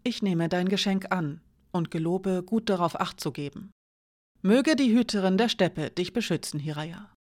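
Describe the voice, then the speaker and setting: Galima, a sharp shrewd merchant woman, as a reader puts her on. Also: medium pitch, normal speed, dry recording, studio quality, close to an everyday voice. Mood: solemn. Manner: curt, sharp, then softly solemn. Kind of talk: audiobook character reading.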